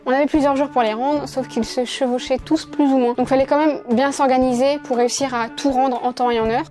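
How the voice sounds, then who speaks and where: A woman's voice: on the high side, warm tone. A young French woman in her twenties, chatting casually to camera and laughing at herself as she recounts her year. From France. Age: 20s. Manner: chatty, self-mocking, laughs often, trails off. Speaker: student vlogger.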